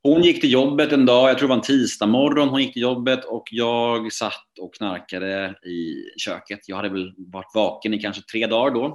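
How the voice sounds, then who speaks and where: A man's voice: medium pitch, hardly any pauses. A man telling his recovery story in a casual, rambling way, full of fillers and restarts.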